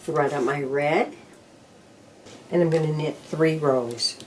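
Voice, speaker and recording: A little hiss or hum runs under this older woman's low, slow, darkish voice as she casually shows machine knitting one step at a time. The instructor murmurs to herself while working, counting each row aloud.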